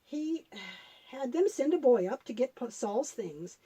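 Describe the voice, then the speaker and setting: Using a full, husky character voice that sits high and sounds animated, a woman plays a grandmother puppet telling Bible stories to children. She speaks at a measured pace, patient and gently instructive in her explanations.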